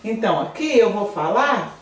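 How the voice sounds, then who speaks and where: A woman's voice: mid-range voice, very animated, normal speed, roomy sound, recorded from a distance. A Brazilian woman, a native Portuguese speaker, teaches French pronunciation in a casual online lesson, coaxing her students and exaggerating each mouth shape.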